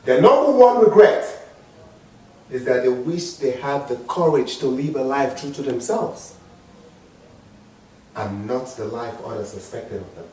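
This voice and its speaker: A man's voice: measured pace, slight background noise. Man with an African accent, dramatic speech. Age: 40s. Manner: dramatic, emphatic, swings from low murmurs to loud high exclamations. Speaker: public speaker. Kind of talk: motivational speech. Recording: very echoey hall, mic far off.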